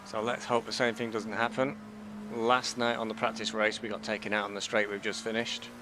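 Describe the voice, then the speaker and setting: A man's voice: lowish voice, little pitch movement, brisk. A man giving casual running commentary on his own sim race as he drives. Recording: car engine noise behind.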